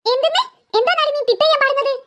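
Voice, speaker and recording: A woman's voice: very high-pitched, sharp tone. Woman doing a stern, scolding cartoon mom. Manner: scolding, brisk, scornful. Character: scolding mother, impatient and stern. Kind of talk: cartoon voice acting.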